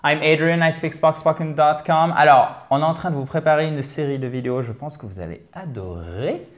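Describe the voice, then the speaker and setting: Energetic, chatty male language teacher. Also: fairly high pitch, a little fast. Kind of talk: lively video lesson.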